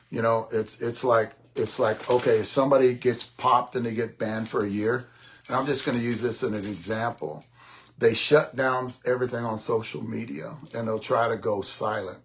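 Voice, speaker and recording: A man's voice: medium pitch, gravelly. A man in his sixties hosting a podcast in a rambling, casual monologue, often repeating himself and swearing offhandedly. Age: 60s. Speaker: podcast host.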